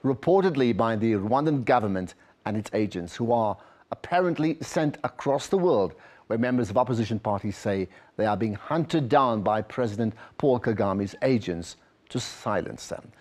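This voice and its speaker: A man introducing tonight's programme in a clear, formal broadcast manner. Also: lowish voice, animated, normal speed, darkish tone. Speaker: news presenter. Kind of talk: scripted news introduction.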